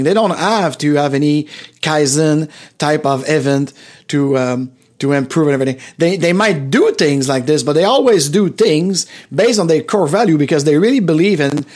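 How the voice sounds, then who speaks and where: A man's voice: fairly high pitch, darkish tone. A man hosting a casual livestream, rambling and repeating phrases for emphasis. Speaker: podcast host and coach.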